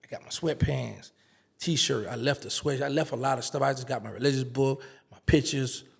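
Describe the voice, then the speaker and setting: A man's voice: mid-range voice, moderate pace, gravelly, breathy edge. A man, an interview guest telling a casual story and acting out the dialogue. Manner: animated storyteller, acts out quoted dialogue.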